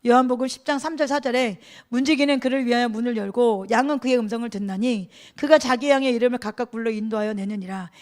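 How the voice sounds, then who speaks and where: A middle-aged woman pastor delivers a sermon in a bright, high voice. She keeps it conversational, turning to the congregation with questions and laughing easily. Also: fast, hardly any pauses.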